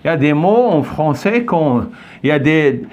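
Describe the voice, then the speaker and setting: A man's voice: a little high, sing-song, normal speed, a little mellow, lo-fi sound, slight background noise. An older man teaching a French pronunciation lesson, patiently repeating himself, checking that everyone follows and quizzing a young pupil. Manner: questions and praises a child pupil.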